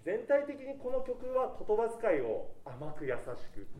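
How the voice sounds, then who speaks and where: Unhurried and mellow, a high-voiced man whose pitch swoops wildly conducts a choir in rehearsal within a roomy space. He's encouraging throughout, singing short phrases so the singers can hear how they should go.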